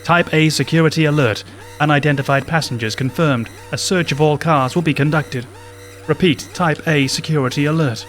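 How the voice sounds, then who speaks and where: A man's voice: on the high side, normal speed, a bit bright, soft background music, close to an everyday voice. A man reading out a train's formal public address announcements, in the manner of a newsreader.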